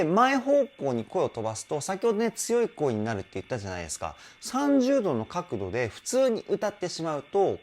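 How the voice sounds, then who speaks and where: A man's voice: high voice, darkish tone. A man working as a vocal coach, giving enthusiastic, explanatory reaction commentary on a song and praising the singers often.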